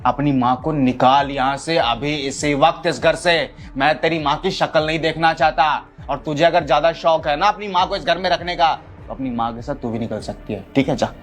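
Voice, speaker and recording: A man's voice: fairly high pitch, moderate pace, hardly any pauses, lightly acted. A man playing a rude, domineering husband. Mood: angry. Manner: shouting, rude, commanding. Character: harsh domineering young husband, scornful of his in-laws. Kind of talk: amateur family drama skit.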